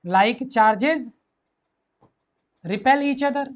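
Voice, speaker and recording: A man's voice: extremely high pitch, extremely slow. A man teaching physics to school students, who repeats key phrases and keeps asking the class questions. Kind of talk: classroom lecture mixing Hindi and English.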